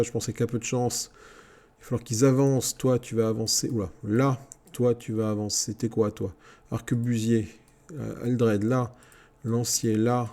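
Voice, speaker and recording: A man giving casual Let's Play commentary on a strategy game, talking to his troops with excitable outbursts over keyboard typing. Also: medium pitch. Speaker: gaming YouTuber.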